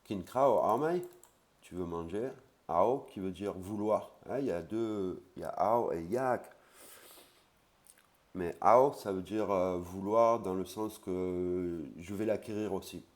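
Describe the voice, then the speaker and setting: A man teaching a language lesson in a casual way. He says each Thai word slowly and clearly, then explains it with fillers like "hein" and "voilà". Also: sits low, a little mellow.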